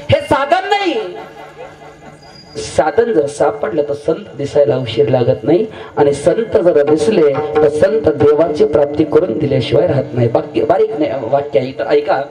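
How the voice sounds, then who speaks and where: High-pitched kirtan preacher. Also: male voice, mellow. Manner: sing-song preaching, swooping pitch, repeats lines to the crowd. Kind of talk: kirtan sermon with storytelling. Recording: distant mic with faint music.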